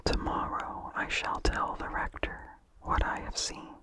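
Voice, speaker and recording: Vintage horror fiction, read aloud in an unvoiced, breath-heavy ASMR whisper. The narrator takes it slowly, weighing each phrase with deliberate care.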